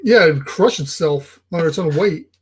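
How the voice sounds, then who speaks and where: A man co-hosting a casual live stream, easygoing and joking in quick back-and-forth. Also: on the high side, animated, slightly rough. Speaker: co-host of a live ocean talk stream.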